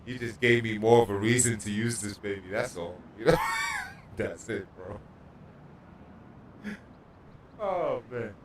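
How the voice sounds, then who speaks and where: A man's voice: on the low side, expressive, measured pace, long pauses, background noise. A man livestreaming a video game, telling stories in casual, profane slang. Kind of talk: casual gaming livestream chat. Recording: echoey room, distant mic.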